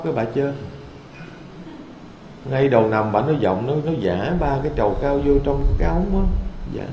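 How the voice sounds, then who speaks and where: A man, a Buddhist monk, giving a dharma talk in a temple hall with lively storytelling. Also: medium pitch, a little hiss or hum. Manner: lively storytelling, quoting voices in asides.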